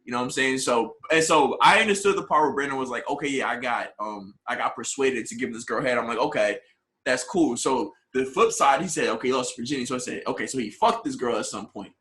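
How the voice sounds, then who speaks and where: A young man talks fast in a casual podcast chat, blunt and slangy and swearing freely. His voice is bright and forceful, at a middle pitch. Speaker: podcast co-host.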